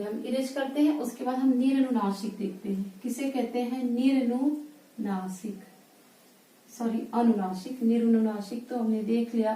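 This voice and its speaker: A woman teaching Hindi grammar at a whiteboard, speaking slowly and repeating words as she writes them. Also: fairly high pitch, warm tone, echoey room, recorded from a distance, poor audio. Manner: slow, repeats words while writing.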